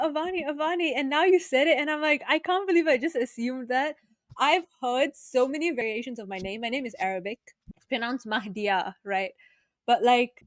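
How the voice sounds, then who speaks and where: An eighteen-year-old South African woman co-hosts a podcast, chatting casually with lots of "like" and quick laughs. Her high-pitched voice is recorded at studio quality with no echo.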